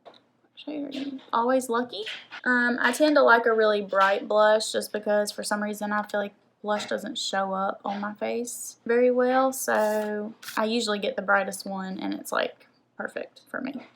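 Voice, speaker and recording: A woman's voice: mid-range voice, fairly even intonation, moderate pace, gravelly, a bit bright, a little hiss or hum. A young woman from the American South, chatting casually as a beauty vlogger and saying "like" a lot. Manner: chatty, rambling, says "like" often. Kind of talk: casual makeup haul chat.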